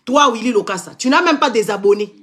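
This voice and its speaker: A fast-talking man with a very high, expressive voice and a sharp tone rants on a live stream. He comes from the Democratic Republic of the Congo, speaks French with a Congolese accent, and breaks into Lingala mid-sentence while scolding angrily and confrontationally, again and again.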